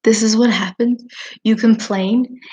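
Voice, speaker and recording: A woman's voice: fairly high pitch, steady tone, measured pace, darkish tone, natural voice. A woman voicing the moon as an indignant female figure who complains she has been wronged, in a chatty exasperated way.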